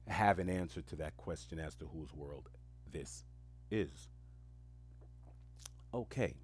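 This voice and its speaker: A podcast host from Queens, New York City, speaks alone in a very low, deep voice. His monologue is a reflective stream of consciousness, rambling and emphatic, and he repeats phrases rhetorically to stress them.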